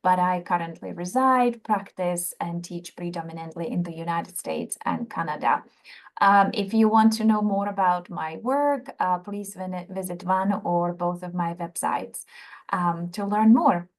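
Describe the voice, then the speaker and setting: A middle-aged Czech woman with a Czech accent, a psychologist, delivers a prepared webinar lecture in a measured, explanatory manner. Her voice is lowish, and she often opens with "so" and pauses on "um."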